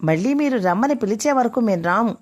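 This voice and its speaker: A woman's voice: on the high side, lively intonation, fairly quick, a little mellow. A woman voicing a defiant young grown son who speaks bluntly and insistently. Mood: firm.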